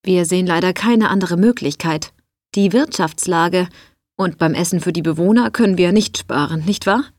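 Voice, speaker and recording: A woman voicing a slick male personnel manager who speaks in a slow, placating, formal way. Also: lowish voice, a little mellow, no echo, lightly acted. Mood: regretful.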